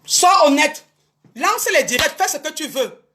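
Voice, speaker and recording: High-voiced woman ranting indignantly. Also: sing-song, moderate pace, sharp tone, slight background noise. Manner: indignant, repetitive, addresses critics directly. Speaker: show business promoter. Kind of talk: Facebook live rant.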